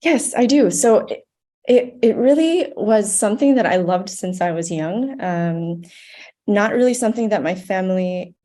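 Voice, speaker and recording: Her medium-pitched voice has a dark tone and lively intonation at a normal speed. The Ohio-raised American, a nonprofit board member, gives a podcast interview in an earnest, thoughtful, reflective conversational style.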